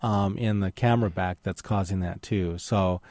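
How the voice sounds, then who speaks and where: Relaxed man explaining over a dry studio mic. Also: low voice, normal speed, no echo. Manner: explanatory, relaxed, many fillers. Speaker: radio guest expert on photography. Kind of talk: casual call-in radio chat. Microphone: studio microphone.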